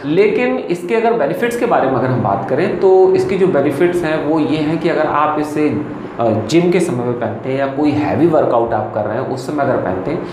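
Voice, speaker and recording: A man's voice: fairly high pitch, lively intonation, brisk. A man in his thirties, a psychologist, explaining clothing advice casually to camera from a small clinic room. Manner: explanatory, gestures a lot with his hands. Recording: echoey room with faint ambient noise.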